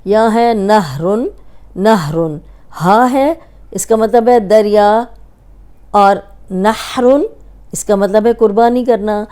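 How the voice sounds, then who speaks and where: A woman's voice: on the high side, steady tone, mellow, clean tone. A woman teaching a recorded tajweed lesson, patiently explaining and drawing out letter sounds to demonstrate them. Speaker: Quran recitation teacher.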